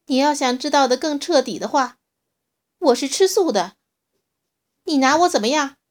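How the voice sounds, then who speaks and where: A woman voicing a timid but brave young male dinosaur in a storybook reading, shouting and stammering, with a slightly husky voice. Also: high voice, animated, measured pace, pitched above the performer's own voice. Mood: defiant.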